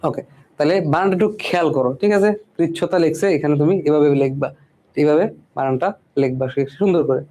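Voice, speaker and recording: A man's voice: fairly high pitch, quick pace, mellow. A man teaching a spelling lesson, repeating each word and checking in with "right?" after almost every point. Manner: repeats words and keeps asking "ঠিক আছে?".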